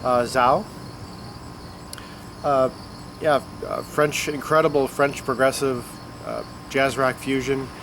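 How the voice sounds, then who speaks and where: This congested vlogger from around Chicago, who collects records, speaks slowly and flatly in a medium-pitched voice with long pauses. Rambling with many fillers, he chats casually and unscripted to camera about music outdoors on a summer afternoon, amid insect and traffic sounds.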